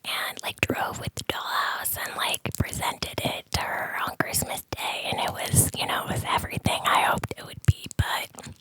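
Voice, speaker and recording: A woman from the San Francisco Bay Area whispers a rambling ASMR chat in a soft, breathy voice, close on the microphone, hesitating and circling back as she goes. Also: normal speed, low-quality recording. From San Francisco Bay Area, United States. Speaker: ASMR host. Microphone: close ear-to-ear ASMR microphone.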